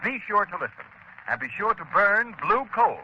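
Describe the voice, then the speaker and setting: A man's voice: sits high, sing-song, moderate pace. A man announcing a radio program in a formal, promotional manner. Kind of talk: scripted announcer reading. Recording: dull old radio recording with hiss.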